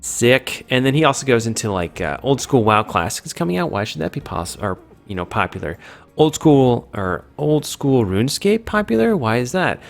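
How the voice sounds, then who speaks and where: A man's voice: mid-range voice, sing-song, normal speed, creaky, faint music behind. A man with a cold hosting a casual gaming chat, rambling and poking fun at himself as he loses his train of thought. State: sick with a cold. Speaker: gaming show host.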